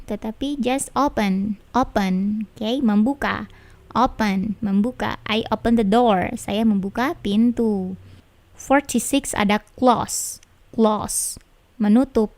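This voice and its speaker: A woman's voice: medium pitch, darkish tone, dry recording. A woman with an Indonesian accent teaching English vocabulary, repeating each word and stressing pronunciation.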